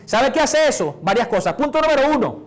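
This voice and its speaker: Middle-aged Venezuelan male pastor, sermon, talkative, bright high register, very expressive. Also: brisk. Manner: conversational, acts out prayers in a softer voice. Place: church.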